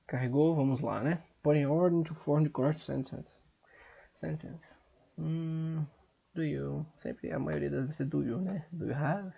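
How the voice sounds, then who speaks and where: A man with a Brazilian Portuguese accent thinking aloud at a computer as he works through language-app exercises, muttering to himself and repeating drill sentences loudly. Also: on the high side, a little slow, creaky, breathy edge, dull audio. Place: at a desktop computer.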